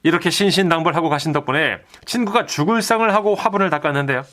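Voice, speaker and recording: A male radio DJ narrates a listener's letter in a polite, even storytelling manner. His voice sits a little high for a man. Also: fast talker, very noisy. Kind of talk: reading a listener's letter aloud.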